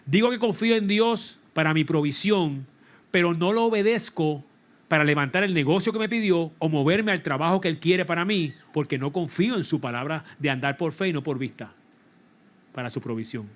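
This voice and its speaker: A middle-aged man, preaching a lively sermon in a church, laughing often and calling for the congregation to repeat after him. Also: on the high side, a little fast. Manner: animated preaching with laughter and call-and-response. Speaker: pastor. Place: church sanctuary.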